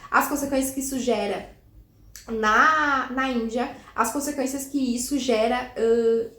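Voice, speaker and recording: Young woman book vlogger, higher voice, chatty and animated, recorded in an echoey room. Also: measured pace. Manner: chatty, animated, many restarts and laughs. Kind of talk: casual book review chat.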